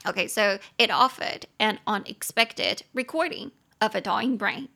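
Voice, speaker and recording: A young adult woman hosting a podcast English lesson, chatting and slowly spelling out words as she explains them. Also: mid-range voice, gravelly, bright, forceful tone. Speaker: English teacher and podcast host.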